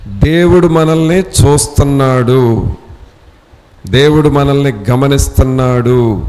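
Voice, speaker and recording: Male preacher with a fairly high voice, exhorting in a sermon and leading the reading line by line, recorded in a hall with a long echo. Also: a little mellow. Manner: exhorting with repeated rhetorical questions; leads scripture reading line by line. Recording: long reverb in a church hall.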